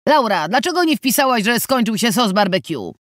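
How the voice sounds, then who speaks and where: A man's voice: fairly high pitch, sing-song, unhurried, dry recording. A fat, bossy pizzeria owner in an audiobook, as a male narrator puts him on, a bully who blusters at his staff and stammers when challenged. The voice swings widely and sits in a dry, close recording. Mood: yelling.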